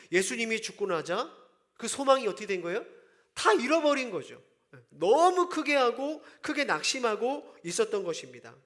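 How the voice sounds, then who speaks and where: High pitched guy preaching in church, punchy, keeps asking the room questions. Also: fairly bright tone. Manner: emphatic, asks the congregation rhetorical questions. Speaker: pastor. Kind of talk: sermon.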